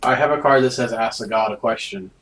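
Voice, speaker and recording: A man's voice: medium pitch, brisk, fairly bright tone, low-quality recording. Male player, methodical rules asker, slight background noise. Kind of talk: casual tabletop banter.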